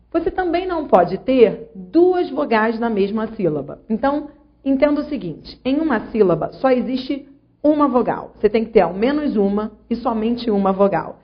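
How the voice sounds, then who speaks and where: A woman's voice: mid-range voice, muffled recording. A woman giving an online grammar lesson, explaining rules and checking in with the student as she goes. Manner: didactic, addresses student directly with check-ins. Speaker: teacher.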